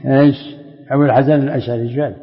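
A man's voice: medium pitch, steady tone, racing. An older man teaching as a sheikh, questioning his reader, asking him to repeat lines and explaining the text. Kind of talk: lesson commentary on a read text. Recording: dull lo-fi sound in a reverberant hall.

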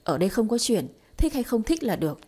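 A woman's voice: fairly high pitch, sing-song, brisk, mellow. A woman reading the part of a harsh, domineering older mother-in-law who scolds shrilly, in an audio story. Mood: furious.

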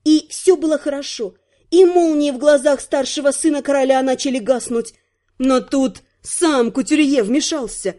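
A woman's voice: high-pitched, normal speed, mellow. A woman reading a first-person fantasy novel aloud, narrating expressively. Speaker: audiobook narrator.

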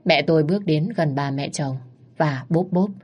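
A woman narrating a dramatic first-person story in a steady reading voice. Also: deep voice, normal speed, highs cut off.

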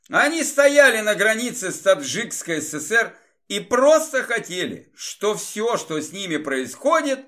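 A man narrating an audiobook with an expressive, dramatic reading. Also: high voice. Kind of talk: scripted narration.

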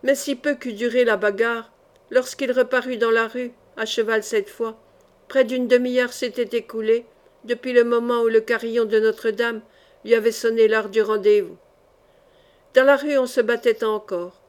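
A woman's voice: fairly high pitch, fairly even intonation, normal speed. A woman reading a historical adventure novel aloud as an audiobook, with dramatic delivery. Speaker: audiobook reader.

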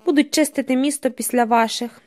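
A woman's voice: sits high, steady tone, brisk, a little mellow, close to an everyday voice. A woman reading the part of a chain-smoking male journalist who talks in an ironic, lecturing way. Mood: mocking.

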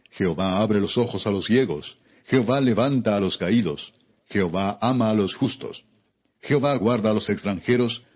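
A man reading scripture as a solemn audiobook narration, with measured phrasing. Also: on the low side, slightly rough. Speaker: Bible narrator. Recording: dull, muffled lo-fi audio.

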